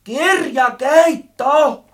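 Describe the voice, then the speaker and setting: A performer voicing an eager, clumsy, easily frightened companion in an audiobook story, with lively, expressive delivery. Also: mid-range voice. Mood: shouting. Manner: lively, expressive, calls out loudly. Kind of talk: audiobook character acting.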